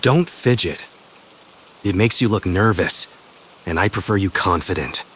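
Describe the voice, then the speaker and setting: A man's voice: low-pitched, fairly bright tone, a little hiss or hum. Man voicing Gojo Satoru, smug flirtatious professor. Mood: teasing, commanding.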